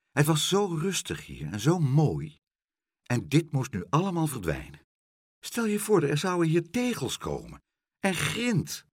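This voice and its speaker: A man narrating a children's storybook in an expressive, swinging storyteller manner. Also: medium pitch, slightly rough, no room sound, clean studio sound. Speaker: audiobook narrator.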